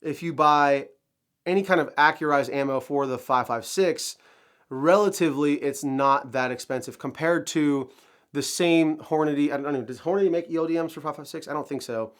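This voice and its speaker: A man's voice: on the high side, moderate pace, a bit bright, clear, resonant tone. A man hosting his own channel, talking casually to camera with a nasal, stuffed-up voice from a cold, rambling with lots of fillers. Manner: rambling, with many fillers and restarts. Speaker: firearms channel host.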